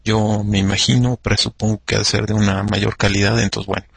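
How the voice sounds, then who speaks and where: A man's voice: lowish voice, flat delivery, a little fast, vocal fry, a bit bright, slightly rough, dry recording. A man with a Mexican accent hosting a radio show, chatting casually and rambling with many fillers and restarts. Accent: Mexican Spanish.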